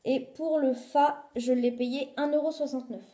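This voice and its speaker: High-voiced woman chatting in echoey room. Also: steady tone, normal speed, warm tone, a little hiss or hum. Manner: chatty, many fillers, lists prices. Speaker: vlogger showing a shopping haul. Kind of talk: casual haul vlog. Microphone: phone.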